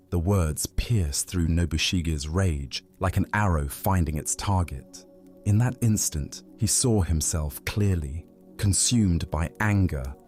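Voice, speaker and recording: A man with a very low, deep voice narrates a soothing story for sleep. His delivery is soft, measured and reflective, and gentle music plays faintly in the background.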